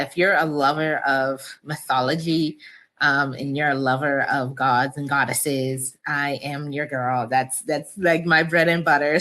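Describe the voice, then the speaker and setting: Low-pitched woman author guest, chatty, lots of ums and laughs. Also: fairly bright tone. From United States, Cameroonian parents. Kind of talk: casual interview chat.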